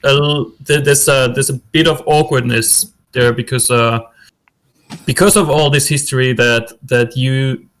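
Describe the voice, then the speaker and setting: Brief: a slow-talking man narrating a tabletop scene, halting and repeating. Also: mid-range voice, steady tone, fairly bright tone. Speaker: player. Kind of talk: tabletop role-play narration.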